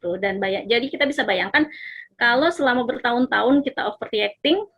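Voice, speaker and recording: A woman's voice: fairly high pitch, animated, a little fast, husky, lo-fi sound. A woman speaker explaining parenting in an online seminar, asking her audience questions as she goes.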